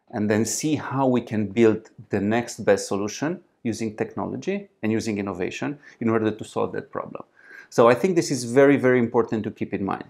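A man, answering interview questions in English as a startup founder, with frequent restarts and fillers, recorded seated in a small conference room. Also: on the low side. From Romania. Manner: halting, frequent restarts and fillers, gestures while talking.

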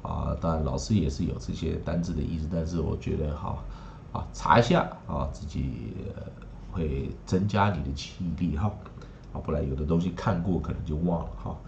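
A man teaching English phonics in Taiwanese-accented Mandarin, with chatty asides and drilling each word slowly three times. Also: very deep voice, vocal fry, darkish tone, a little hiss or hum. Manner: chatty asides with tag particles. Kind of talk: recorded phonics lesson. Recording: slightly dull lo-fi recording.

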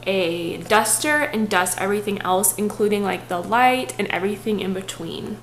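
A woman's voice: medium pitch, normal speed, over music. A woman in her twenties chatting casually through a home cleaning vlog, upbeat and full of fillers. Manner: chatty, upbeat, says "like" often. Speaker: lifestyle vlogger. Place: small apartment living room, indoors. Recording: echoey room, faint room noise.

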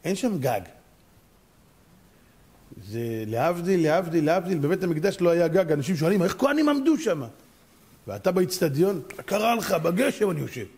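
A man giving a sermon as a rabbi, animated and full of rhetorical questions. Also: husky. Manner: animated, rhetorical questions, sharp pitch swings.

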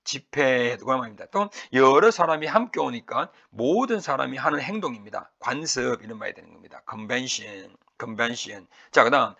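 A man teaching English vocabulary in Korean with a Korean accent. He asks his own questions, answers them, and repeats each word slowly to drill pronunciation. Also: mid-range voice, lively intonation, creaky, sharp tone, slightly rough, muffled recording. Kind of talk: recorded vocabulary lecture.

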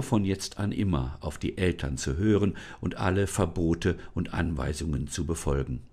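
A man reading a children's storybook aloud in a calm, measured way, with small thinking-aloud asides. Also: low-pitched. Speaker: volunteer children's book reader.

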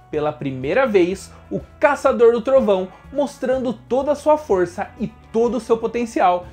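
Woman, video host; animated, swooping delivery, soft music bed. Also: on the high side. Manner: lively, addresses viewers directly. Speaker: host of an anime channel. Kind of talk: scripted anime explainer narration.

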